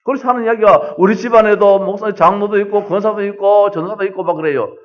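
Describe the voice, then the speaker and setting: A middle-aged male pastor preaching a sermon, animated and full of rhetorical questions. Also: high voice, fast, dull audio.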